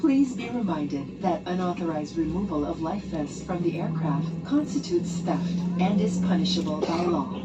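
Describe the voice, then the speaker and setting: A woman's voice: fairly low pitch, lively intonation, normal speed, hardly any pauses, over loud music. A woman speaking as a flight attendant, giving a formal, scripted safety announcement in an instructional manner. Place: aircraft cabin. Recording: distant recording with loud cabin noise. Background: loud aircraft cabin noise.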